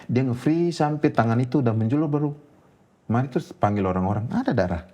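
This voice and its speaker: A man, telling a personal ghost story in a casual interview, animated and laughing often. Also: quick pace, dull audio. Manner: animated, jumps high when quoting others, laughs often. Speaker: guest storyteller.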